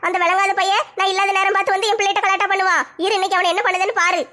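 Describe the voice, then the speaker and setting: A woman putting on a fiery middle-aged mother in a comedy skit, tender with her child but ready to fight. Her voice is high and bright, snapping out threats at a quick clip. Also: level tone. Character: fierce middle-aged mother, loving but hot-tempered.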